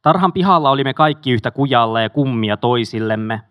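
A man reading a memoir aloud in a steady, measured way, with a few casual asides. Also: medium pitch, no echo. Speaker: audiobook reader.

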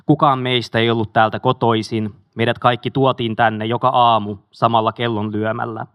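A man reading a memoir aloud in a steady, measured way, with a few casual asides. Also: mid-range voice, clean tone, no echo, studio quality. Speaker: audiobook reader.

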